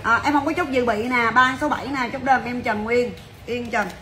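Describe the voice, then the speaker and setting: Woman, bright voice, brisk chatty livestream seller, faint background noise. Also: on the high side, fairly even intonation. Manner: chatty, brisk, calls out to viewers. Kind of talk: fast livestream sales patter.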